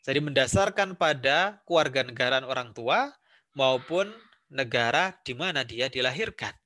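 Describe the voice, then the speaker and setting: His medium-pitched voice is bright and forceful, with lively intonation at a normal speed. In this recorded university lecture, the Indonesian-accented man teaches civics, repeating the key points and laying out examples one step at a time.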